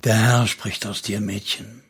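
A man voicing a thoughtful, tender old prophet who speaks in a measured, grave way in an audiobook reading. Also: lowish voice, little pitch movement, fairly bright tone, breathy edge, exaggerated voice. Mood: moved.

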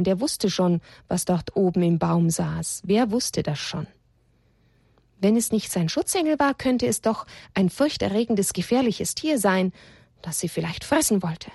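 A woman reading a children's story aloud in a gentle, expressive storytelling voice. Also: mid-range voice, vocal fry, slightly rough, no room sound, studio quality.

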